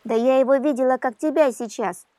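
A woman voicing a greedy, scheming old fisherwoman who pleads and wheedles in a high voice, reading a storybook tale. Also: brisk, mellow, dry recording, close to an everyday voice. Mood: insistent.

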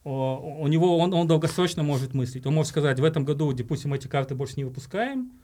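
A marketing director from Uzbekistan talks as a podcast guest in a casual interview, laying out his views at length and often calling listeners "guys." His voice is fairly high, warm, animated and fast.

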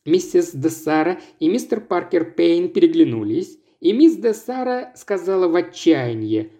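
A man reading an audiobook aloud in an expressive storytelling manner. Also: high voice, normal speed. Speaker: audiobook narrator. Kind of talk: scripted audiobook narration.

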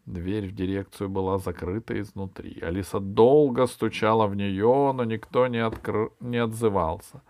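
A man narrating a children's storybook in a lively way. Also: fairly low pitch, vocal fry, no echo, studio quality. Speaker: audiobook narrator.

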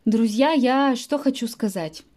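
This woman in her late twenties speaks at a measured pace, her voice on the high side and a little mellow. A native-speaking language teacher whose first language is Russian, she addresses her students in a podcast monologue, pausing to explain words simply.

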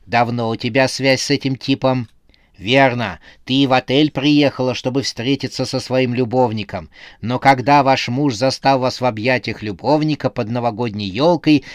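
A man's voice: mid-range voice, no echo, clean studio sound, lightly acted. A man voicing a brash female squirrel who plays detective in a comic horror audiobook, bossy and theatrical, jumping to accusations.

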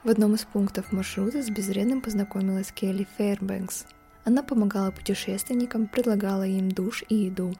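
A woman narrating a scripted true-crime podcast as its host, in a measured storytelling read. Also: mid-range voice, fairly even intonation, mellow. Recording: music behind the voice. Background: background music.

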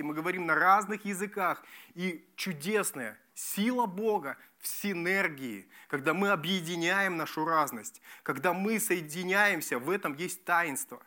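A man preaching a sermon as pastor, emphatic and lively, repeating key phrases and restarting words. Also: on the high side. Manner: lively, emphatic preaching with repetitions and self-corrections.

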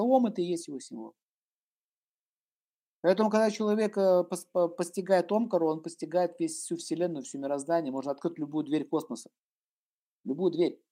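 A man teaching about mantras in a humorous spiritual lecture, animated and joking, acting out little scenes. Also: high voice. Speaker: esoteric teacher and astrologer.

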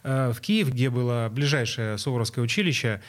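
A man's voice: medium pitch, expressive, fairly quick. A middle-aged man from Donetsk answers interview questions hesitantly, with many filler sounds and restarts as he tells a story. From Donetsk, Ukraine. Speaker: interviewed city deputy.

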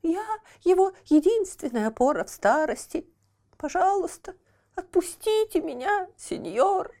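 A woman voicing a whiny, pitiful wooden puppet boy who wails his pleas in a high, shrill voice. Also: sing-song, measured pace, dark tone, exaggerated voice. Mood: wailing. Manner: wailing, sobbing pleas.

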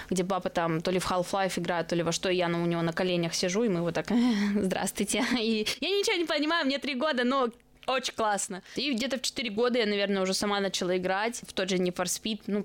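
A young woman from Russia, guest on a casual podcast, tells stories with lively acted-out quotes. Her voice sits at an ordinary middle pitch for a woman. She works as a streamer and esports caster. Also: smooth. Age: 20s.

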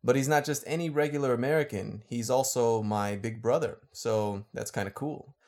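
A man's voice: mid-range voice, normal speed, a little mellow. A man hosting a casual podcast, explaining things for listeners and laughing often. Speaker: podcast host and teacher.

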